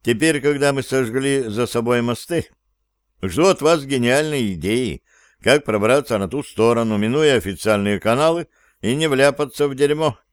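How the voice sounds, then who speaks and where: A man voicing a cool, cocky male gang leader who gives orders calmly and mocks his crew. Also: mid-range voice, normal speed, no room sound, studio quality, close to an everyday voice. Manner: calm, commanding, mocking.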